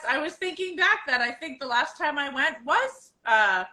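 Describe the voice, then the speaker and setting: A woman co-hosting a casual live-streamed chat, talking enthusiastically and quick to agree and laugh. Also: sits high, lively intonation, bright, forceful tone, rough recording. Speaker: co-host of a live talk show.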